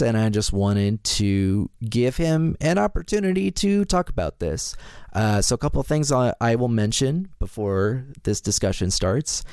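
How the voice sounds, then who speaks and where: Hesitant, rambling man with a clear, lowish voice. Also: a little mellow, no echo, studio quality. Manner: hesitant, rambling, with many hedging asides. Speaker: podcast host. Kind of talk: casual spoken introduction.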